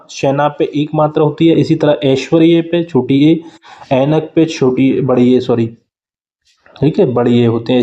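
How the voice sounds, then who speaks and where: A man's voice: mid-range voice, warm tone. Hindi man teaching spelling, echoey dull audio. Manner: explains quickly, often repeating key words. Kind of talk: exam-prep lesson. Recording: roomy, muffled sound.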